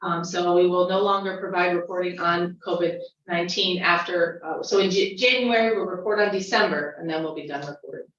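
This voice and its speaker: A woman who is a county official, giving a measured report at a formal board meeting with many pauses and fillers. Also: lowish voice, fairly even intonation, a bit bright, slight background noise. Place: county legislature meeting room. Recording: dull, echoey chamber audio from a distant mic.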